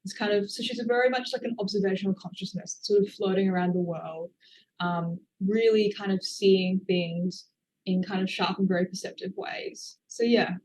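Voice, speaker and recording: A woman from Australia, an author appearing as a guest, answers interview questions thoughtfully, hedging and using many fillers. Her medium-pitched voice is a little mellow at normal speed, on a low-quality recording.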